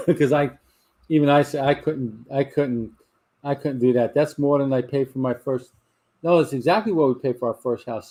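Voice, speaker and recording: A man's voice: mid-range voice, darkish tone. A man, hosting a live cigar talk show from his garage and telling rambling stories with lots of restarts. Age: 60s. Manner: rambling storyteller with frequent restarts. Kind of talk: casual chat to a live audience. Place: home garage.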